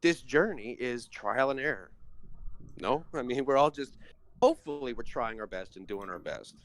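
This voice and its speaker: A man's voice: medium pitch, animated, moderate pace, fairly bright tone. A man hosting a casual talk, explaining ideas in a thoughtful, philosophical way and often checking in with "you know" and "right.". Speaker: astrologer host. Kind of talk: casual conversational teaching.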